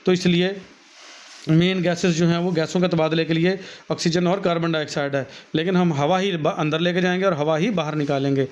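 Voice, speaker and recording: A man's voice: a little high, fairly even intonation, fairly quick. A male teacher with a Pakistani Urdu accent, reading from a textbook and then explaining each point to his students in his own words. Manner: reads a passage, then explains it warmly to students, calling them "beta". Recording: dull, lo-fi recording.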